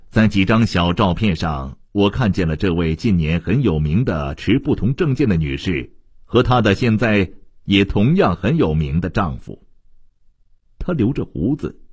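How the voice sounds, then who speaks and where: A male audiobook narrator with a low, husky voice reads a literary novel. His delivery is measured yet lively in pitch, and the sound is dry and close. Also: dry recording. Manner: measured, expressive storytelling.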